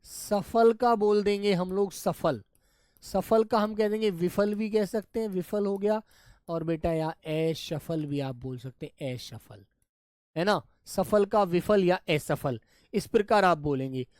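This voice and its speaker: A male teacher running a live online class, who repeats each word slowly, calls the children dear, and drops to a soft low voice when he repeats answers. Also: clear, resonant tone, dry recording, clean studio sound.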